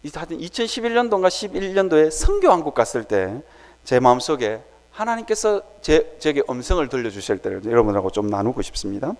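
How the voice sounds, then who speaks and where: Male preacher, sermon in a church sanctuary, high voice with a very lively pitch, animated storytelling, long church-hall reverb. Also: fast. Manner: animated storytelling, acting out his own prayers.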